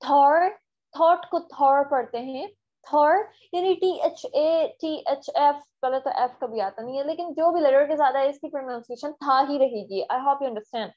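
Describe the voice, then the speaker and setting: A Pakistani woman teaching English pronunciation in an online lesson, switching between Urdu and English and drilling words slowly for her students to repeat. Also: high voice, a little mellow, lo-fi sound.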